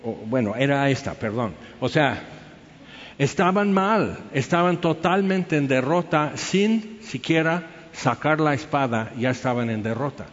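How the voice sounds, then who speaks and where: A man with a Mexican accent preaching a sermon, animated, firing off rhetorical questions and acting out the people he quotes. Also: on the high side, measured pace. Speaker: pastor. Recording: echoey hall, dull lo-fi sound.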